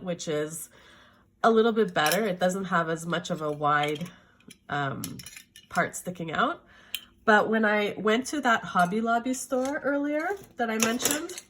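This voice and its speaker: A woman's voice: lowish voice, fairly bright tone. A middle-aged woman from Canada with a sore throat, chatting enthusiastically about her art supplies in a casual video. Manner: chatty, enthusiastic, self-correcting. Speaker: art vlogger.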